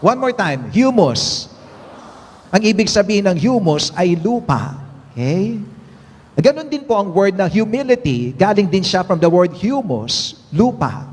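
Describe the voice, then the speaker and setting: A man with a high-pitched voice preaches a homily and keeps drawing in the congregation with quick tag questions. His voice carries a long reverb, as in a church. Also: big pitch swings, husky. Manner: engages the congregation with frequent "right?" tags. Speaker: priest.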